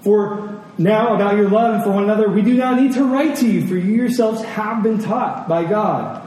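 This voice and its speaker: The preacher's high-pitched, mellow voice carries through a big, reverberant church, sounding very echoey and far off, with a distant mic picking up faint noise. Throughout the sermon he deliberately repeats important phrases and breaks up his points with questions.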